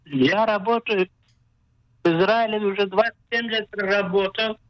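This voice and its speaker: An older man calling in to a radio show over a crackly phone line that keeps cutting out, talking haltingly and checking that he can be heard. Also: high-pitched, fairly even intonation, no echo. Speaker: caller. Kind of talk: radio call-in question. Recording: dull, breaking-up phone call.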